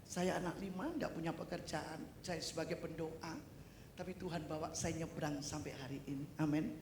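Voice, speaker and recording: A middle-aged woman from East Java, a pastor preaching a sermon in an animated way, with loud exclamations and humorous asides. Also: sits low, normal speed. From East Java, Indonesia. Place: church service hall. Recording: echoey hall with faint noise.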